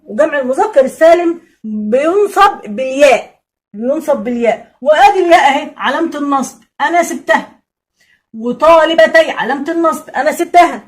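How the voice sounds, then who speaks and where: An Egyptian woman teaching Arabic grammar in a casual, lively way, repeating key points and answering imagined student questions. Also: high-pitched. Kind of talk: casual classroom explanation.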